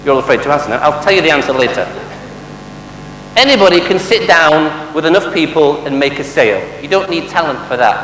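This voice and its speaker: This sales trainer from Manchester has a Mancunian accent and a fairly bright, high-leaning voice. Giving a motivational talk to a live audience in a big hall, he quizzes them with rhetorical questions and cracks jokes, while the audio carries lengthy reverb and a slight hum.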